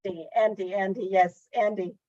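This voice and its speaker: A woman hosting an online meeting in casual talk, halting and full of fillers. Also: medium pitch, fairly even intonation, crowd noise. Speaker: meeting host. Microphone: video call. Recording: dull lo-fi call audio.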